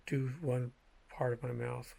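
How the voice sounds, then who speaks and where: A man speaking in a measured, halting way with a gravelly, husky voice, telling personal anecdotes in a casual monologue. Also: mid-range voice, little pitch movement, warm tone. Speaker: vlogger telling personal stories.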